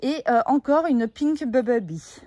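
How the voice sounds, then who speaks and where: A woman's voice: sits high, animated, a little slow, dark tone, dry recording. Woman touring her garden, chatty. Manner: chatty, explanatory, frequent fillers. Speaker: gardening vlogger. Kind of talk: casual walkthrough of her vegetable garden. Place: outdoors in a garden.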